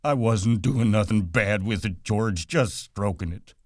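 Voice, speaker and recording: A man's voice: on the low side, unhurried, no room sound, studio quality, voice pushed up. A man voicing a big, simple-minded, childlike man who talks in a plaintive, apologetic way. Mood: pleading.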